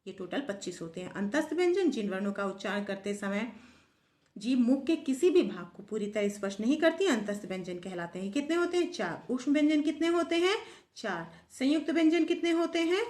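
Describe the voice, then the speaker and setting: A woman with a fairly high voice teaches a grammar lesson. She poses questions to her pupils and answers them herself in a repeating drill. Her voice rings in an echoey room. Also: expressive, fairly quick, darkish tone.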